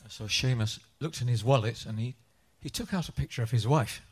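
A man telling a joke as a story, unhurried, with pauses and fillers. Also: mid-range voice, slightly rough. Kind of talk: anecdotal joke-telling in English.

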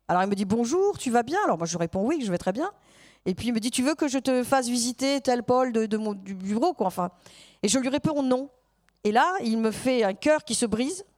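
Higher-voiced woman researcher telling stories. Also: dry recording, clean studio sound. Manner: lively storyteller who acts out dialogue. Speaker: university researcher. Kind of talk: discussion guest.

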